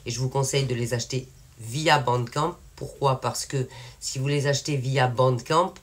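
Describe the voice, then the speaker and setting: A French woman who sings independently and owns her channel speaks to viewers in a very deep voice at normal speed, her intonation fairly even. The update is casual and frank, rambling with many fillers and restarts.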